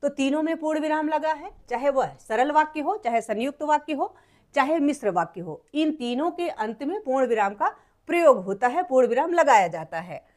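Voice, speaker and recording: A woman with a high voice explains a grammar lesson to children. She goes step by step, repeats each point and rephrases it in simpler words, the way a patient classroom teacher does. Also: animated, moderate pace, a little mellow.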